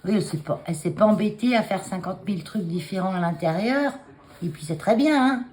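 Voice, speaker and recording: A woman with a mid-range, slightly mellow voice talks fairly quickly to her phone camera, which sits on a taped stand at her desk. She's a craft vlogger showing off handmade cards in a casual chat, hesitating with lots of fillers and restarts while clearing a frog in her throat.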